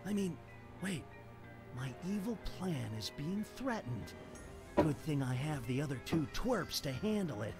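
Cartoon game villain: gloating, slow theatrical menace, lively high-ish pitch, music underneath. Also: male voice. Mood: gloating, menacing. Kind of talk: cartoon video game acting.

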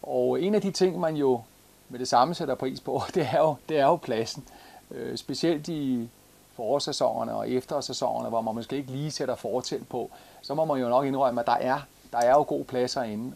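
A man's voice: medium pitch, creaky. A man in his forties with a Jutlandic Danish accent, casually showing a caravan from inside, with many fillers and restarts. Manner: relaxed, many fillers and repeats. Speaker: caravan reviewer. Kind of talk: casual product walkthrough.

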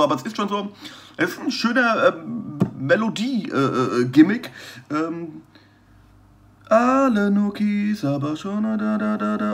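A man's voice: a little high, fairly bright tone. A man hosting a casual reaction commentary, rambling and joking as he judges rap flows, often restarting his sentences. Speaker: host reacting to rap battle entries.

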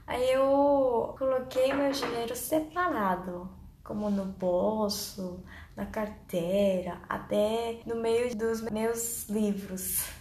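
A young woman with a Korean accent chats to camera like a casual storyteller. She speaks slowly, in simple, careful second-language phrasing. The room gives her voice a clear echo, with faint noise behind it. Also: on the high side, fairly even intonation, darkish tone. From South Korea. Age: young adult. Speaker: vlogger. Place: small bare indoor room.

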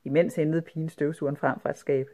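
Calm storybook reader. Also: medium pitch. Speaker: narrator. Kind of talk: storybook reading aloud.

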